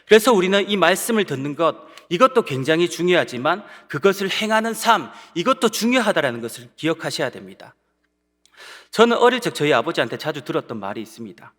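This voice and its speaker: A man's voice: a little high, very animated, quick pace, a bit bright. A man preaching a Sunday sermon as pastor, earnest and putting rhetorical questions to his congregation. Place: church sanctuary. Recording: long church-hall reverb.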